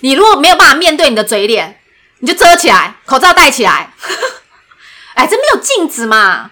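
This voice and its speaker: A woman co-hosting a chat podcast, her voice high and bright. She teases constantly and swings her pitch all over as she talks. Her tone is loose and playful. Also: very animated, normal speed. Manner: teasing, bursts into mock impressions. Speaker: podcast co-host. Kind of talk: casual chat.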